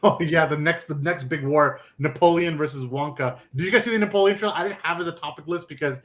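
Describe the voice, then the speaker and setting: A man's voice: fairly high pitch, quick pace, a bit bright. A young man hosting a casual movie chat on a stream, joking and chatty with lots of fillers. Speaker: podcast host.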